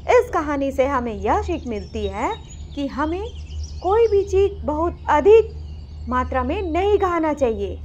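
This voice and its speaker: A woman narrating a children's moral story in a gentle, simple storytelling manner. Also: high-pitched, sing-song, measured pace. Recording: slightly muffled recording.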